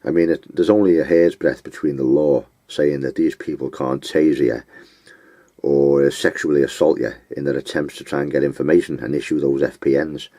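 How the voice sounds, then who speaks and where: A man giving advice in an unscripted monologue, blunt and scornful, with frequent pauses and filler words. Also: extremely low pitch, fairly even intonation, mellow, no echo. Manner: blunt, scornful, name-calling; halting, with many fillers.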